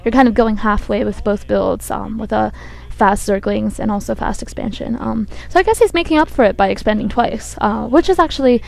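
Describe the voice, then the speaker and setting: Woman, croaky head-cold voice, somewhat high pitch, game commentator, hesitant thinking-aloud delivery, buzzy microphone. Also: a little fast, hardly any pauses. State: has a cold. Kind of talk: esports match commentary.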